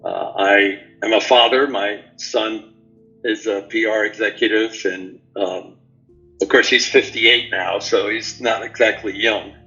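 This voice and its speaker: A man in his seventies from New York City, a guest answering interview questions in an unhurried, rambling way with many fillers. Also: lowish voice, fairly even intonation, bright, forceful tone, muffled recording, soft background music. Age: 70s. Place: remote call from a beach house.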